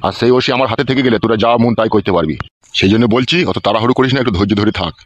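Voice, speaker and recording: A man's voice: lowish voice, very fast, lightly acted. A man voicing a crooked, scheming politician in a cartoon, with a coarse, bossy manner. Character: crooked small-town male politician, scheming. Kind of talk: cartoon voice acting. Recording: dull lo-fi audio.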